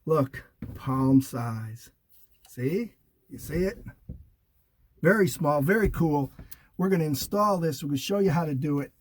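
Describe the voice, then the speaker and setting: Sitting inside a parked Jeep, an older DIY vlog host gives a casual, hands-on install demonstration in short, folksy, punchy phrases. His slightly high voice is animated and unhurried, with frequent pauses.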